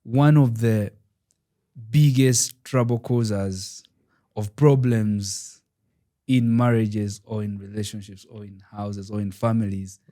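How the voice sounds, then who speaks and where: A man's voice: fairly low pitch, steady tone, slow pace, warm tone. Emphatic Ugandan-born man in casual chat. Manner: emphatic, opinionated, says "man" and "yo" often. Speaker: podcast co-host.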